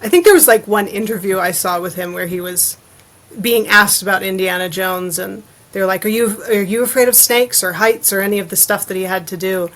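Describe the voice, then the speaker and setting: Brisk and a bit bright, this mid-range voice belongs to an adventure fiction author being interviewed on a podcast. She keeps things casual, tossing in loose, run-on asides.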